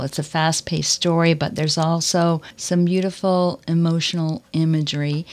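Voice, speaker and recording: Casting note: woman host, slightly low pitch, slow and deliberate questions to a guest author. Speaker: interview host. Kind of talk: interview talk.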